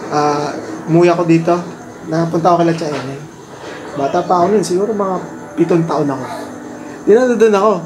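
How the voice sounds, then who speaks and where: A man's voice: fairly high pitch, a little fast, long pauses, roomy sound. Laughing man telling stories, noisy room. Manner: laughs often while telling childhood stories. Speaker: storyteller. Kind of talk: casual family chat.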